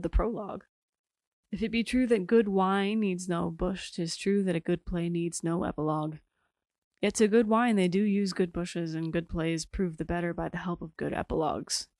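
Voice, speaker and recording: A woman's voice: mid-range voice, darkish tone, no room sound, lightly acted. Give me a woman playing a playful young woman speaking a Shakespeare epilogue, dry and close. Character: witty young woman delivering a play's epilogue. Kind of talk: Shakespeare recitation.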